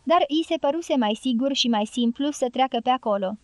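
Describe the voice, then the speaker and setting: A woman narrates a novel in a calm, measured audiobook reading. Her voice is high, and the recording is close and dry with no room echo. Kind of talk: scripted narration.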